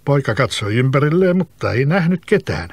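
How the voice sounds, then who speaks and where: A man narrating a fairy tale in a calm, even storybook reading. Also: medium pitch, dry recording.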